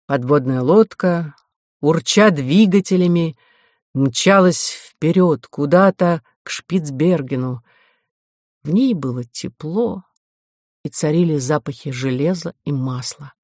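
An audiobook narrator reading a science fiction story in a measured, even storytelling manner. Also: mid-range voice, no room sound, studio quality.

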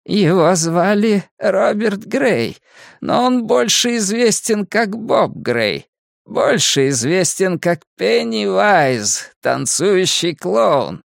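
A man voicing a creaky old hag, slow and sly. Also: high voice, very animated, dry recording, clean studio sound, pitched above the performer's own voice, full character voice. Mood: sinister. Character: sly old woman turning into a monstrous hag. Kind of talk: audiobook character voice.

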